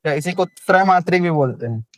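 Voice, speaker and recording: A man's voice: high voice, animated, a little fast, fairly bright tone, no echo, clean studio sound. A young man teaching Hindi grammar in a classroom, with a Chhattisgarhi Hindi accent, who asks the class questions and answers them himself.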